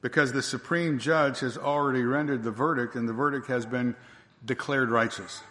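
A man's voice: medium pitch, steady tone, normal speed, pushed and bright. A man preaching a sermon, emphatic and fond of repeating rhetorical questions. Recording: long reverb of a large hall.

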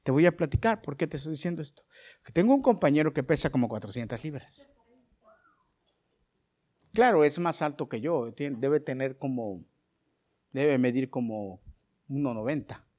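A middle-aged male pastor, preaching a sermon that swings from soft, chatty asides to loud, rising bursts. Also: medium pitch, moderate pace, pauses often.

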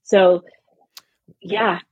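Podcast guest, woman from California, husky, expressive and chatty. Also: mid-range voice, extremely slow, no echo, lo-fi sound. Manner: animated, expressive storytelling. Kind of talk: casual chat.

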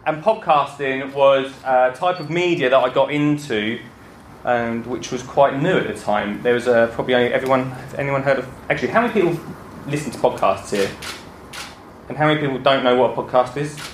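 Male speaker, Essex accent, mid-pitched, informal and jokey stage presenter, roomy sound with some background noise. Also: fairly quick. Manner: chatty, joking, self-deprecating. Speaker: gardening podcaster and speaker. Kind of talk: informal stage talk to an audience. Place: indoor talk before an audience, roomy space.

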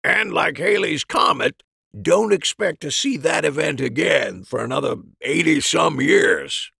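Storybook amateur sleuth acted by a male narrator: raised pitch, emphatic, swooping explanations. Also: expressive, unhurried, vocal fry, sharp tone, breathy edge, dry recording, full character voice. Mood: wry.

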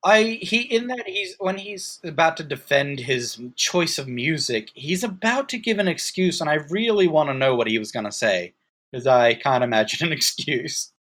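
A woman's voice: low-pitched, expressive, moderate pace, fairly bright tone. A woman co-hosting a podcast, chatting about a movie in a wry way and laughing often. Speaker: podcast co-host. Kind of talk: casual movie discussion.

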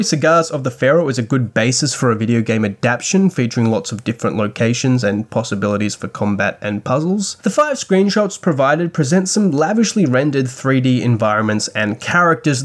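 A man hosting a podcast, reading scripted news commentary with dry, wry asides. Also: mid-range voice. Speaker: podcast host.

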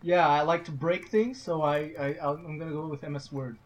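A man's voice: fairly high pitch, fairly even intonation, fairly quick, muffled recording. A man speaks casually on an online podcast panel. He is hesitant, often restarting and repeating words. His delivery is unpolished and conversational. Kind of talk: casual chat.

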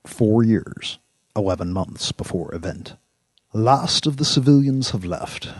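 A man's voice: lowish voice, animated, a little slow, darkish tone, breathy edge, no echo, voice pushed up. A man voicing a cool, formal male executive who speaks in a clipped, haughty, sardonic way.

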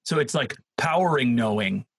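A man talking theology in a casual academic conversation, often hunting for names and words, animated and laughing at times. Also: medium pitch, normal speed, creaky, breathy edge, no room sound, low-quality recording.

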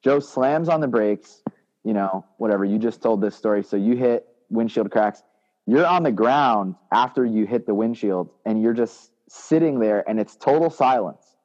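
A man in a relaxed chat, retelling a shared band story from his own memory. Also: fairly low pitch, normal speed, big-room sound. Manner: laid-back, chiming in and retelling from his side. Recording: dull lo-fi sound.

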